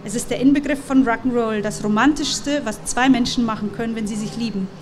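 A woman's voice: on the high side, a little fast, slight background noise, natural voice. A woman voicing a romantic young woman who teases her partner, mocking and passionate. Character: young adult woman Marie, romantic, teasing.

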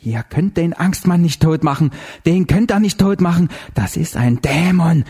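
A man's voice: big pitch swings, moderate pace, dark tone, breathy edge. A man reading an audiobook voices a hysterical, bloodied older woman who rants frantically about a demon. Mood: frantic. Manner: shrill, frantic, hissing. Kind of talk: audiobook character voice.

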